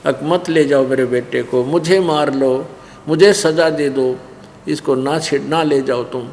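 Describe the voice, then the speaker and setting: A man's voice: fairly high pitch, steady tone, a little slow, a little mellow. Haryanvi mother pleading, as a preacher puts her on. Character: pleading poor village mother. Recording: long hall reverb, faint noise.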